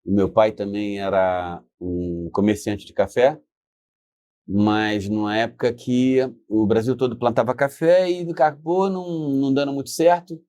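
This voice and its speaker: A middle-aged Brazilian business founder, born in Espírito Santo, tells stories casually as an interview guest. He speaks haltingly and repetitively, often seeking agreement with tag questions. His lowish voice is steady and warm, with no room sound.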